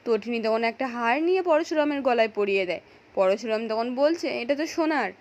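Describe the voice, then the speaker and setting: A woman narrating a scripted recap of a television serial, reading the plot in a steady, even way. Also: fairly high pitch, fairly quick.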